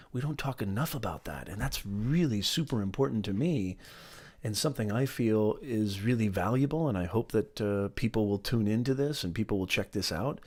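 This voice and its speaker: A middle-aged man hosting a motivational live stream, talking emphatically, repeating his points and greeting viewers by name. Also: mid-range voice.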